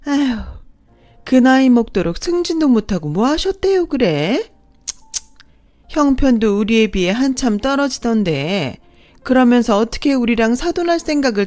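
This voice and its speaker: A woman's voice: a little high, very animated, measured pace, darkish tone, voice pushed up. A woman narrator voicing a haughty, scornful middle-aged mistress who sneers and talks down to people, with faint music behind. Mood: sneering.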